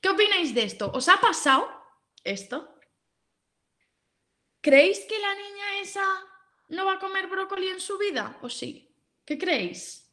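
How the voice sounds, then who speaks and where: A woman's voice: very high voice, sing-song, unhurried, long pauses, bright, forceful tone. A woman with a Spain Spanish accent hosting a live session on children's eating, explaining in a chatty way and reading out chat comments. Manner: chatty, explanatory, many fillers and rhetorical questions.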